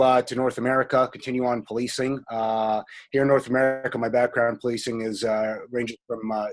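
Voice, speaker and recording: Flat-toned male police officer. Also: mid-range voice. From Israel and Canada. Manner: steady, hesitant with many "uh"s. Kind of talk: self-introduction on a call.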